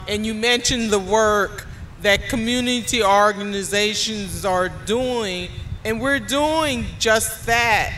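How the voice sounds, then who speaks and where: A woman's voice: mid-range voice, fairly bright tone, slight background noise. A woman speaking as a community organizer at a public panel discussion, making an earnest, emphatic case.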